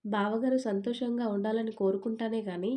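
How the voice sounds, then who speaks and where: A woman's voice: fairly high pitch, steady tone, normal speed, warm tone, natural voice. A woman voicing a sulky, talkative young newlywed wife in an audio story, complaining in a pouting tone.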